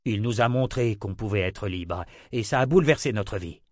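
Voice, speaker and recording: A man voicing an angry burly blacksmith, forceful and scolding. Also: fairly low pitch, expressive, moderate pace, no room sound, clean studio sound. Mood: stern.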